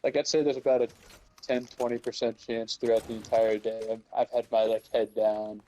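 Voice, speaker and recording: A man's voice: mid-range voice, flat delivery, a little fast, warm tone, rough recording. Blunt man in casual chat. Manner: blunt, swears, dry. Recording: faint background noise.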